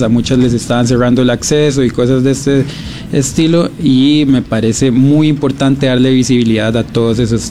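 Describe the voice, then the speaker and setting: A Costa Rican man being interviewed about his beach project, speaking thoughtfully with many pauses and restarts. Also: mid-range voice, mellow, slight background noise. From Costa Rica. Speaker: guest, beach documentary project creator. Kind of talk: radio interview, casual.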